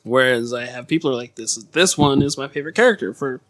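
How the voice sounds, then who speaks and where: A man in his thirties, a comic book creator chatting as a guest in a relaxed, rambling way. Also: mid-range voice, fast. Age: 30s. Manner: relaxed, rambling with fillers and acted-out quotes. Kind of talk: casual chat.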